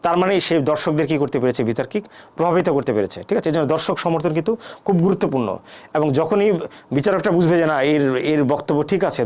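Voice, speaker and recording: Man lecturing, fairly high voice. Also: darkish tone. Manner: asks questions and answers them himself; frequent "thik ache" and "ah" fillers. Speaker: debate teacher. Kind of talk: classroom lecture.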